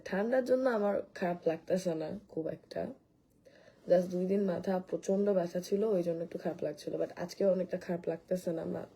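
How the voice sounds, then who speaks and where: A woman, hoarse from coughing, rambles casually through a live stream and answers viewer comments. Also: mid-range voice, dark tone, poor audio. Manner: rambling, restarts a lot, reads commenters' names aloud. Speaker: live streamer selling skin care.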